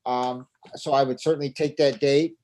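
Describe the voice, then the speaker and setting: A man's voice: mid-range voice, steady tone, normal speed, a little mellow. A man working as an attorney, arguing formally and deferentially before a judge in court. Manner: formal and deferential, repeating "Your Honor". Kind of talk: courtroom argument.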